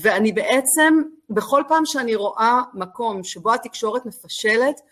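A woman's voice: a little high, fairly bright tone. A woman speaking as a journalist on a panel discussion, assertive, with some fillers.

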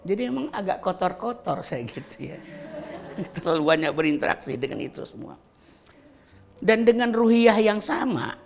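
A man's voice: sits high, vocal fry. A man, a father talking casually about raising children, joking and acting out family conversations. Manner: lively, joking, quotes family in dialogue. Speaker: father giving a talk on parenting. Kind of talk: casual storytelling talk.

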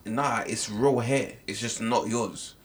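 A man's voice: mid-range voice, steady tone, slow pace. A young man with a London roadman accent in casual banter, slangy and fond of repeated slogans, recorded with some noise. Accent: London, urban roadman slang. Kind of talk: casual banter between friends.

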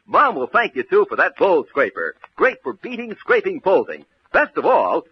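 A man giving an enthusiastic old-time children's radio sales pitch in a broad, singsong delivery. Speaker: radio advertisement announcer. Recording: dull old radio recording, faint noise.

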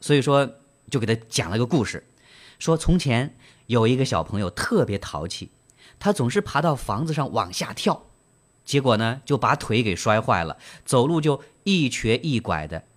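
Man, book club host, trained broadcaster's Mandarin, animated pitch, gentle with fillers. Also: moderate pace. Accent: standard Mandarin, broadcast-trained. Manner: gentle storyteller, asks listeners rhetorical questions; frequent hesitation fillers. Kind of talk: book reading and discussion.

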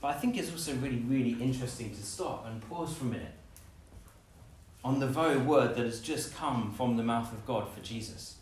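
A man preaching a lively sermon, acting out scenes with playful voices. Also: mid-range voice, brisk, a little hiss or hum. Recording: echoey room, from a distance.

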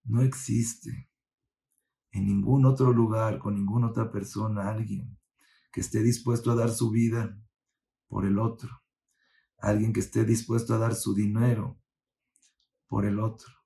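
A rabbi telling a story in a sermon, acting out the voices of its figures and mixing in Hebrew religious terms. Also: male voice, on the low side, level tone, a little slow, vocal fry, pauses often, mellow, a little hiss or hum.

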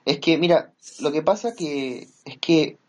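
A man's voice: a little high, measured pace. A man in a casual chat, talking hesitantly with many fillers as he explains things.

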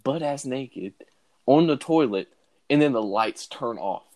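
A man's voice: medium pitch, measured pace. A young man hosting a podcast, telling a story in casual chat with frequent laughter. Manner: animated storytelling, laughing often. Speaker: podcast host.

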